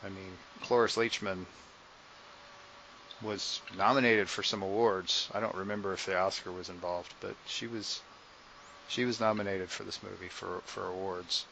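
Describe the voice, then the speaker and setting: A man's voice: low voice, fairly even intonation, moderate pace, creaky, bright, forceful tone, slight background noise, low-quality recording. A man co-hosting a podcast, talking casually in a rambling way with frequent restarts. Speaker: podcast co-host. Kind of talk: casual chat.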